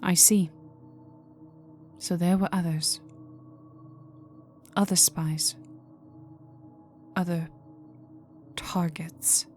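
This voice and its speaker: [name], a woman playing a slow, whispery vampire heiress. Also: fairly low pitch, fairly even intonation, darkish tone, soft background music. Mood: probing, icy. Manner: slow, menacing, imperious, formal, often dropping to a whisper. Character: cold vengeful aristocratic female vampire, young heiress in mourning. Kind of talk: dark ASMR roleplay, dramatic monologue.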